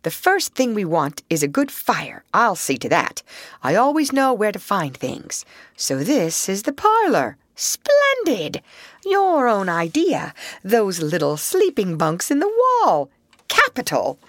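A woman voicing a brisk, cheerful male water rat who talks in a bright, hearty, bossy way. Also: sits low, no echo, studio quality. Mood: cheery.

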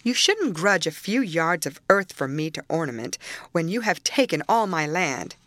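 A woman narrator plays a reckless young lady of a storybook, proud and quick to defy. She taunts boldly and will not give up her point. The recording is close and dry. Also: fairly high pitch, very animated, bright, forceful tone, dry recording. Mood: pleading, defiant. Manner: bold, taunting, insistent.

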